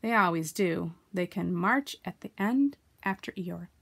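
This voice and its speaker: A woman voicing a brisk, careless, dryly evasive male rabbit from a storybook. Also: on the low side, lively intonation, creaky, a bit bright, heavily acted. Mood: offhand, dry. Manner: careless, dry.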